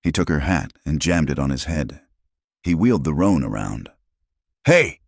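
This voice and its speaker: Very deep male audiobook narrator. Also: expressive, creaky, a little mellow, dry recording, clean studio sound. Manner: measured, dramatic.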